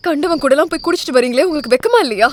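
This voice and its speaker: A sharp scolding wife. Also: female voice, sits high, expressive, very fast. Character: scolding young wife of a drunk servant. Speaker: dubbed film actress. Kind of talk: dubbed film dialogue.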